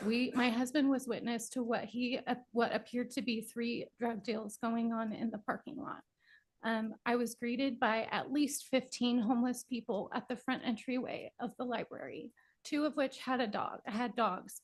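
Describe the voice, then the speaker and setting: A woman in her thirties, a working mother, giving a nervous, emotional public comment at a county board meeting, halting with many ums. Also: on the high side, rough recording.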